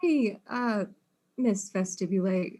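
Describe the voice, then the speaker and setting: An actress playing a polite but persistent female detective in a student audio drama, asking calm, probing questions. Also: mid-range voice, slow.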